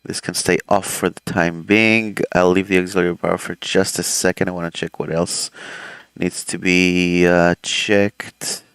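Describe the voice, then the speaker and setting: Speaking at a measured pace in a smooth, low voice with no room sound, an airline pilot streams a flight sim session. He rambles casually with many fillers during cockpit checks, his throat slightly swollen.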